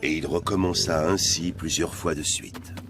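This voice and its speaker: Deep-voiced man narrating a nature documentary. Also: steady tone, normal speed. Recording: music bed under narration. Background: music.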